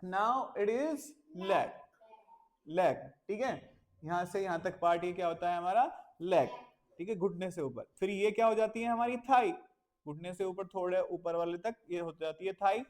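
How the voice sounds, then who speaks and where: A man's voice: high voice, normal speed. A male teacher giving a children's English lesson, patiently repeating words and spelling them out letter by letter, mixing Hindi with simple English phrases.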